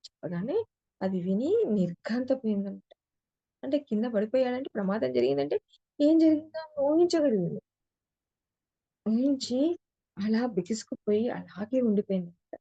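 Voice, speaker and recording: Woman storyteller, very dark mellow voice, breathy, dry close sound, dull lo-fi recording. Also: a little high, expressive, moderate pace, pauses often, dry recording. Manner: reads a passage, then retells it in casual talk. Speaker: spiritual teacher. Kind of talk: reading a story aloud and retelling it.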